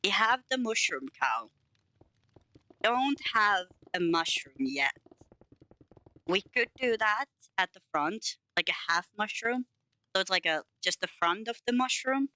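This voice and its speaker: Her English carries a light Finnish accent as this young woman giggles, self-teases and rambles with her stream chat during a building game. She sounds animated, pushed and bright at medium pitch and a measured pace, on dry, poor audio.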